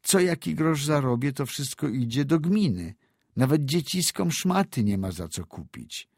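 A man's voice: medium pitch, expressive, moderate pace, a little mellow, slightly rough, dry recording, clean studio sound, pitched above the performer's own voice. A man voicing a poor, resigned widowed mother in a read-aloud story. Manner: plaintive, resigned grumbling.

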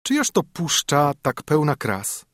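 Man doing a haughty young princess, storybook, high pitched, lively swooping melody, husky. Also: a little slow, no echo, clean studio sound, heavily acted. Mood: wistful. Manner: sing-song, scornful rhyming.

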